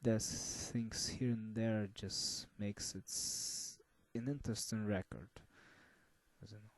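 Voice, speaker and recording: A man giving a casual album review, halting and full of fillers and restarts. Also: on the low side, steady tone, no room sound. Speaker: music reviewer.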